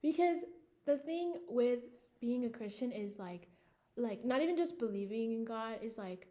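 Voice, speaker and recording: A woman's voice: on the high side, expressive, warm tone. A young American woman co-hosting a podcast, chatting casually and giggling often with lots of fillers. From United States. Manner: giggly, many fillers, quick asides. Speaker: podcast co-host. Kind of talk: casual chat.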